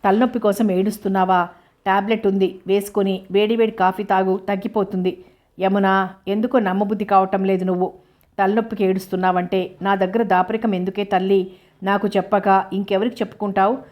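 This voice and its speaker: A woman reading a novel aloud, voicing a worried mother who pleads and scolds in a flat, even tone. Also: medium pitch, brisk, close to an everyday voice. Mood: anxious pleading. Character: worried widowed mother, anxious, fussing.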